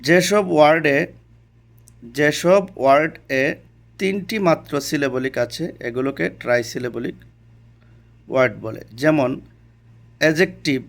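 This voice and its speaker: A man's voice: on the high side, measured pace, pauses often. A man teaching an English lesson, who repeats key terms and asks questions and then answers them himself. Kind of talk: classroom lesson explaining to students.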